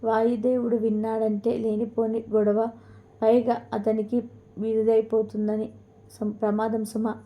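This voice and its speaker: A woman's voice: on the high side, monotone, measured pace, lo-fi sound, natural voice. Woman voicing a wise old sage. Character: wise old male sage, flattering then warning.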